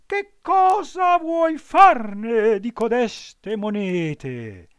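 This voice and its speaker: A man's voice: extremely high pitch, sing-song, very slow, a bit bright, smooth, no echo, clean studio sound, pitched above the performer's own voice, exaggerated voice. A man voicing a sly, scheming fox in a storybook reading, wheedling and mocking.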